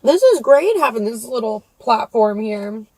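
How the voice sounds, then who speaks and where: This American mukbang host reviews crunchy fried chicken casually for her audience, talking in between bites. Her fairly high, slightly mellow voice is very animated yet measured in pace. There is no room sound, and the recording quality is low.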